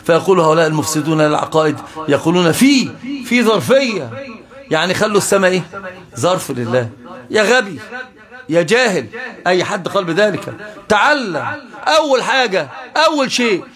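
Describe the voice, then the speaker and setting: A man's voice: sits high, fairly bright tone. A man with an Egyptian Arabic accent giving a heated religious lecture, mocking opponents with rhetorical questions. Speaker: Islamic preacher.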